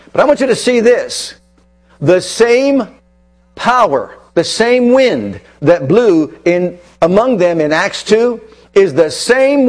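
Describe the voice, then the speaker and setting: High-voiced man preaching with emphasis. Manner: emphatic, repeats phrases for effect, swings between loud and hushed. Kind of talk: sermon.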